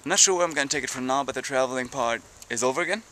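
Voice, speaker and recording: A man's voice: medium pitch, racing. A young man chatting casually and informally in a rambling travel vlog. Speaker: travel vlogger. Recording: loud ambient travel noise.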